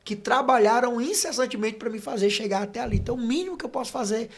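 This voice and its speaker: A man's voice: very high voice, quick pace, gravelly. A man, an evangelist guest on a podcast, telling his testimony in casual chat and acting out the voices in his stories. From Brazil. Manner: animated storyteller, acts out dialogue.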